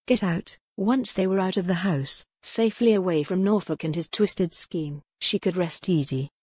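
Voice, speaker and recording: A woman audiobook narrator reads historical romance as dramatic, scripted storytelling in a voice that sits a little low. She goes at a moderate pace with a darkish, slightly rough tone, and the sound is dry with no room echo.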